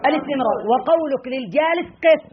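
A man teaching a classroom grammar lesson as a sheikh, questioning his students and repeating key phrases slowly. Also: very high voice, background noise. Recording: tinny lo-fi lesson recording.

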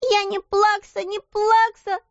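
A woman's voice: little pitch movement, slow, dry recording, dull audio, exaggerated voice. A woman voicing a small weeping girl who wails and sobs. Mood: wailing. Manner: wailing, sobbing, shrill.

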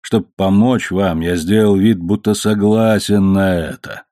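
Audiobook role: man reading a smooth-talking, scheming sea captain, lowish pitch, dry recording. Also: fairly even intonation, unhurried, dark tone, no room sound, close to an everyday voice. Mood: sly. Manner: smooth and bargaining. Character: sly good-natured middle-aged ship captain.

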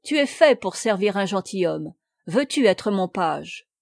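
A woman voicing a brash, mocking huguenot captain, rough-voiced and boisterous from drink, in a read-aloud story. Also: medium pitch, animated, measured pace, a little mellow, dry recording, clean studio sound. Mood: drunken bluster.

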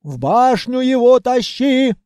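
A man's voice: sits high, lively intonation, takes it slowly, dark tone, no echo, pitched above the performer's own voice. A man voicing a stern, fussing old grandmother who heals by magic in an audiobook. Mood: scolding. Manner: scolding, commanding.

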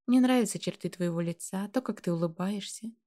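Woman doing a shy teen girl, talks soft n timid, warm mellow sound. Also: mid-range voice, brisk, lightly acted. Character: shy tender teenage girl artist.

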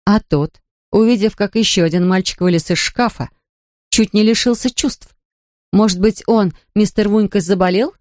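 A woman reading a children's storybook aloud with expressive, lively storytelling. Her voice sits in the middle range and the recording is dry and close. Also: mid-range voice, moderate pace, no echo. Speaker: narrator. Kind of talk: audiobook narration.

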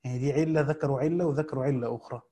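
Fast-talking Egyptian man explaining a text. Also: mid-range voice, steady tone, dark tone. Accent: Egyptian Arabic. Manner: reads quoted text slowly, then explains in quick colloquial asides. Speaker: teacher of Quran commentary. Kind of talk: classroom commentary reading and explaining a text.

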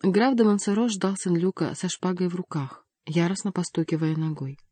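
A woman reading a classic novel aloud as an audiobook narrator, at a measured pace. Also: on the low side, mellow, dry recording. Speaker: audiobook reader. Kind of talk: scripted narration.

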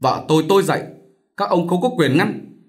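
A man's voice: on the high side, moderate pace, pitched above the performer's own voice, close to an everyday voice. A man playing a brutal, furious husband who snarls bullying threats. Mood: defiant.

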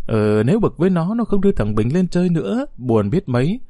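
A man's voice: on the high side, sing-song, fairly quick, warm tone, no room sound, studio quality. A man narrating a story as an audiobook, expressively voicing the characters.

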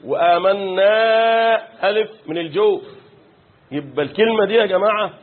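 Quick, high-voiced Egyptian Arabic teacher. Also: male voice, husky. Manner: quizzes students with rhetorical questions; recites verses in a chanted style. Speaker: Quran teacher. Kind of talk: Quran commentary lesson. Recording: phone-like lo-fi recording.

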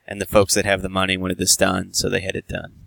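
A man talking on a casual podcast, blunt and wry, cursing now and then. His voice sits low with a gravelly fry, and the sound is close and dry. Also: monotone, quick pace, a bit bright, no room sound. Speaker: podcast co-host. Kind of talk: casual chat.

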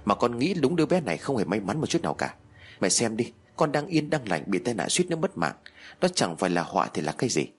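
A man's voice: on the low side, big pitch swings, quick pace, breathy edge. A man voicing a scheming young son who persuades his mother in a conniving way. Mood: complaining. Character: scheming young man plotting against his sister-in-law.

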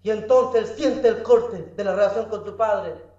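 A man with a strikingly high voice preaches with fervor, dropping low and then rising to shouts. He sounds distant from the mic, with a roomy echo and a dull, muffled tone. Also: moderate pace. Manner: fervent, swinging from hushed to shouted. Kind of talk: impassioned sermon.

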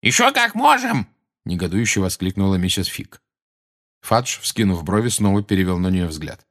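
A man narrating an audiobook in an expressive storytelling manner. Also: sits low, normal speed. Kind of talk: scripted narration.

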